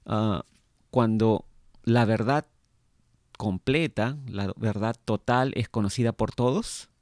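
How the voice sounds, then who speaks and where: A man voicing a calm, probing therapist. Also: lowish voice, no echo, clean studio sound. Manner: patient, measured questioning. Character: calm, probing male hypnotherapist. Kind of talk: read-aloud book dialogue.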